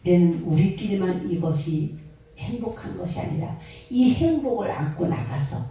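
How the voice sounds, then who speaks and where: A grandmother-aged woman pastor preaches, her mellow, warm voice carrying from a distance through a very echoey hall. She acts out the scenes of her story as she tells them, with a lively storyteller's delivery. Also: fairly low pitch, moderate pace. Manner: animated storyteller acting out scenes. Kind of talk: sermon with storytelling. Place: prayer retreat hall.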